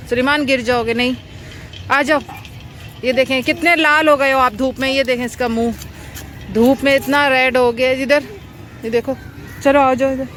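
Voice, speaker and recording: A woman's voice: high-pitched, fairly even intonation, moderate pace, long pauses, fairly bright tone. A woman from Pakistan with a Pakistani Urdu accent, vlogging as a mother in an outdoor park. She narrates casually to the camera while coaxing and scolding her children. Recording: noisy outdoor park recording.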